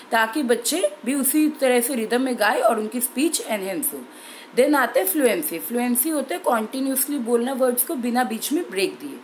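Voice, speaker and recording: Higher-voiced woman teaching a lesson. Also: slight background noise, poor audio. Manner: clear, steady explaining with slowed emphasis on key terms. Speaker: exam prep teacher. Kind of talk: explanatory lesson in Hindi with English terms.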